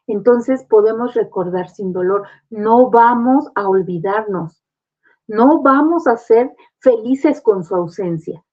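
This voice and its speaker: A woman's voice: mid-range voice, darkish tone, breathy edge. A woman, a guest on a talk program, explaining grief in an earnest, reassuring way. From Mexico. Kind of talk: conversational advice on a talk program. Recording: muffled lo-fi sound.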